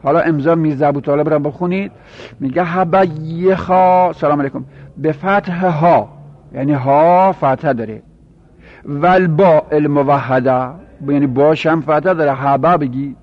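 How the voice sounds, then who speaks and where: A man teaching a grammar class, reading lines slowly, then explaining quickly and quizzing his students. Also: on the high side. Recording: dull lo-fi recording.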